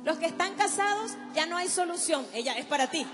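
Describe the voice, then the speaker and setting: A woman gives an emphatic testimony and prayer to a live audience, slowing her words for effect. Her voice sits high. The sound carries the long reverb of a large hall, with music playing clearly behind her. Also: lively intonation. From Paraguay. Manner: emphatic, directs the crowd, slows for dramatic effect. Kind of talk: testimony and prayer preaching at a youth event.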